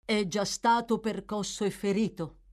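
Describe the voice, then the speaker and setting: A woman reading aloud, voicing an earnest, absent-minded old gentleman who sounds concerned, in an audiobook. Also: medium pitch, fairly even intonation, measured pace, pitched above the performer's own voice, lightly acted. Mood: worried.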